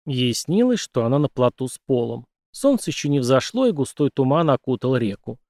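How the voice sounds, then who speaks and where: A man narrating an audiobook in a steady, even reading voice. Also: medium pitch, fairly quick, no echo, studio quality. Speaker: audiobook reader. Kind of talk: scripted narration.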